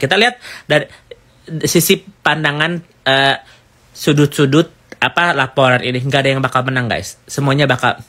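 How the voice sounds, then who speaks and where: Bright-voiced chatty gossip man. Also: mid-range voice. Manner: chatty, rambling, animated. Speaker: gossip commentator. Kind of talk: casual gossip commentary.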